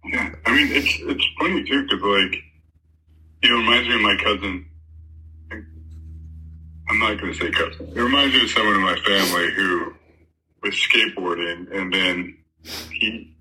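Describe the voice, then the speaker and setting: A man's voice: fairly low pitch, moderate pace, long pauses, pushed and bright, a little hiss or hum. A man co-hosting a casual podcast chat over a tinny, metallic-sounding remote call, often stopping and restarting his words. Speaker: podcast co-host.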